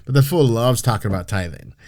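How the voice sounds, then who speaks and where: A man hosts a podcast in a loose, rambling way. He swears freely, restarts his sentences and fills gaps with "uh" and "you know". His voice sits at an ordinary middle pitch for a man. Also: fast, a little mellow. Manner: brash, profane, rambling with frequent restarts. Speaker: podcast host. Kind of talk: casual podcast chat.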